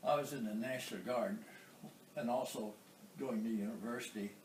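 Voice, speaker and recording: An American man in his nineties, an old veteran remembering his past in an interview, haltingly, with pauses and throat clearing. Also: medium pitch, a little mellow. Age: 90s. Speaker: war veteran being interviewed. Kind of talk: oral history interview, recounting memories. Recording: roomy, distant microphone, some background noise.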